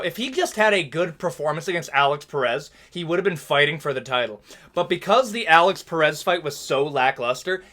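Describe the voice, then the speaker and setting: A young man giving a casual, joking fight recap, animated and frequently tagging lines with "okay?" and "bro.". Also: high-pitched. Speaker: MMA commentary YouTuber.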